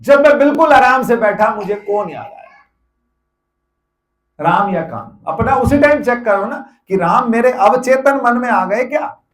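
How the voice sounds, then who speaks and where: Addressing a gathering in an echoey room, a middle-aged man serving as a spiritual teacher delivers a devotional talk in an extremely high, animated voice at a slightly slow pace. He asks rhetorical questions only to answer them, repeating phrases for emphasis.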